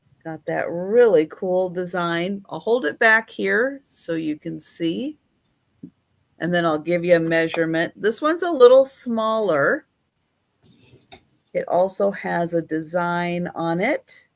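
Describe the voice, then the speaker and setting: A woman hosting a live sale as the auctioneer, describing items in an unhurried, chatty, measured way. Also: lowish voice, expressive, creaky.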